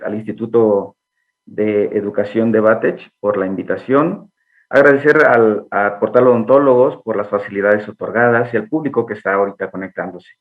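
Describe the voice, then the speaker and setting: A man giving an online lecture, speaking in a measured way with frequent hesitations. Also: mid-range voice. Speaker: guest lecturer. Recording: tinny phone-like online call.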